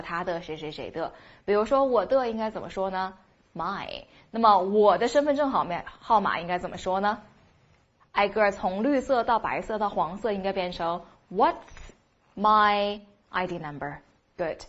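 A woman teaching a spoken English lesson, explaining patiently, asking rhetorical questions and slowly repeating phrases for practice. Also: medium pitch, dull audio.

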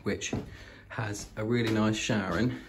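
Unhurried and steady in tone, a British vlogger with a lowish voice walks between rooms of an old house, giving a casual, enthusiastic tour. Background noise runs through this indoor handheld home recording.

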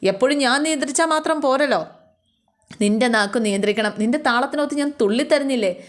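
A woman's voice: sits high, quick pace, voice pushed up, lightly acted. A woman voicing an angry middle-aged husband who scolds his wife and then pleads. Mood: reproachful. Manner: scolding, raised voice.

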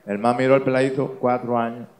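Colombian coast guy doing standup, animated, loud voices for every character, roomy echo. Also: medium pitch, fast. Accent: Colombian Caribbean coast. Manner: animated, swings into loud shouted character voices and sound effects. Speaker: stand-up comedian. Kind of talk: stand-up joke telling.

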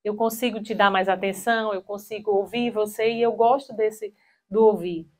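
In a small hall, a woman in her thirties speaks on spiritual matters through a handheld mic, at medium pitch and moderate pace. She livens up her personal anecdotes by performing the quoted voices.

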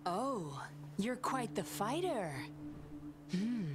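Yinlin, a sly puppeteer. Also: female voice, on the high side, sing-song, very slow, slight background noise, full character voice. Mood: cool teasing. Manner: smooth, teasing, in control. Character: sly composed young woman puppeteer. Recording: game audio with music behind.

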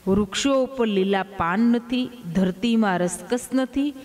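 A woman's voice: a little high, measured pace, a little mellow, lightly acted. A woman voicing a poor, worried village wife and mother, speaking in anxious, pleading questions.

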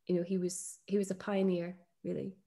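A middle-aged woman with a Northern English accent hosting a casual conversation about poetry, thoughtful and enthusiastic, with fillers and soft laughs. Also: lowish voice, level tone, brisk, creaky. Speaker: podcast host.

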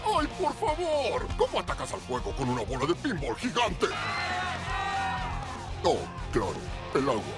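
Swooping, cocky alien superhero. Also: male voice, fairly high pitch, huge pitch swings, measured pace, shouting, loud music behind the voice. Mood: boastful. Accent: Latin American Spanish. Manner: boastful, exclamatory. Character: big cocky round alien superhero, boastful and indignant. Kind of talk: cartoon dub acting.

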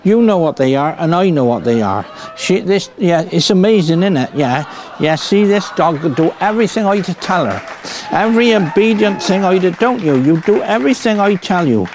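Here a man with a high voice and lively intonation speaks at normal speed, sounding a little mellow. He's a comic performer doing a Somerset-accented bumbling farmer on stage, full of folksy rambling tagged with "see" and "look." Piano music, some chatter, and slight background noise sit under him.

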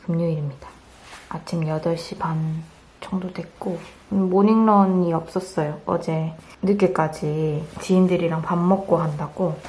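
Walking through town and sports grounds, a woman with a lowish, warm voice talks informally in a running vlog. The outdoor recording is noisy with crowds and traffic, and she grumbles in asides between her announcements.

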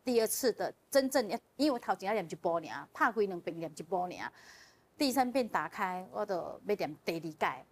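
A woman as a guest telling a personal story in casual chat, animated and often laughing as she relives the emotion. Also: mid-range voice, brisk. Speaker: guest sharing a personal testimony.

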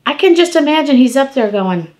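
A woman in her fifties giving an informal devotional talk at home, animated and conversational, speaking to the camera from across a table. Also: sits high, brisk. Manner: animated, gesturing, conversational preaching. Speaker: devotional podcast host. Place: home dining room, indoors.

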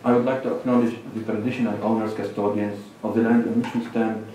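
A middle-aged man with a Lebanese accent gives an academic presentation at a lectern, measured and level, listing his points with pauses. His voice is a little low with a dark tone. A far camera and lectern microphone capture him across a large lecture hall, with heavy echo and faint room noise.

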